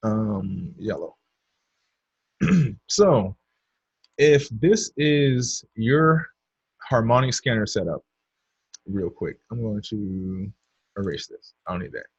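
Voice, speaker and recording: A man's voice: lowish voice, animated, slow, pauses often, slightly rough, no room sound, lo-fi sound. A man teaching trading on a screen share in a casual, chatty way, talking to his viewers and muttering to himself as he draws. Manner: chatty, addresses viewers as "you guys", talks to himself while drawing. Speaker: trading instructor.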